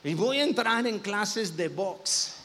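A man's voice: high-pitched, lively intonation, slow, fairly bright tone. A man, a pastor, telling a personal story in a sermon, with many restarts and self-corrections. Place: church.

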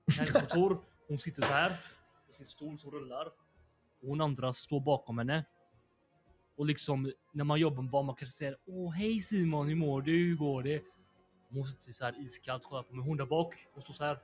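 A man's voice: medium pitch, fairly even intonation, soft background music. A young man, a podcast host telling a long story in a rambling, slangy way full of fillers.

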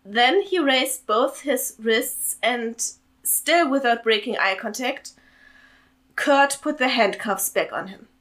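A woman's voice: a little high, slow, a bit bright, rough recording. A woman hosting a podcast, reading her own story aloud and chatting between passages with amused laughter. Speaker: story author and podcast host.

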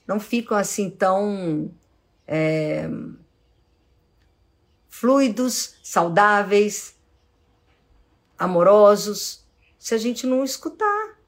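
Middle-aged brazilian woman, psychologist doing a live q&a, talks slow and calm, explains things patiently. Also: mid-range voice. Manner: calm and explanatory, acting out short examples of speech. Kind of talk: casual live Q&A answering audience questions.

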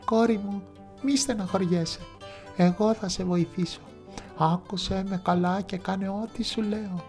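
A man playing a plump wise mouse, kindly, calm, hushed soft voice, a little raised, storybook. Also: sits high, voice pushed up.

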